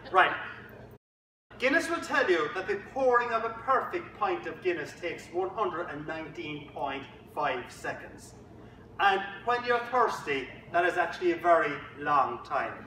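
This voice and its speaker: An Irish man gives a jokey, story-filled keynote with playful asides. His voice is high and bright, and it carries from a distance through an echoey conference room. A faint hiss sits underneath. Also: lively intonation, unhurried. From Ireland. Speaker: motivational keynote speaker. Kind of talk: humorous keynote speech.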